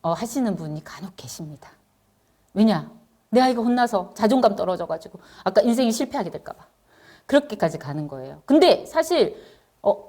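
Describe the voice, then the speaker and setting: Lively-voiced woman teacher lecturing parents. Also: on the high side. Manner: explains and asks the audience questions, acts out quoted parents and children. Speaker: teacher giving a talk to parents.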